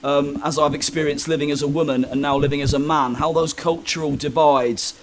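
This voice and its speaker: Candid, halting man. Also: a little high, steady tone, a little hiss or hum. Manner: candid, hesitant with frequent ums and restarts. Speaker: guest. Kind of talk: conversational storytelling.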